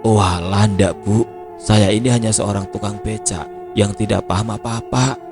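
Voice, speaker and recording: A man voicing a gentle, modest older becak driver with a Javanese accent, speaking softly. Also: on the low side, steady tone, normal speed, natural voice. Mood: humble. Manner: soft-spoken, modest. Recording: music playing behind.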